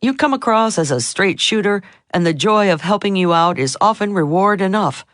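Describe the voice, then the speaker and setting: A woman narrating a self-help audiobook in a steady, measured reading voice. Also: mid-range voice, no echo, clean studio sound. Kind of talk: scripted narration.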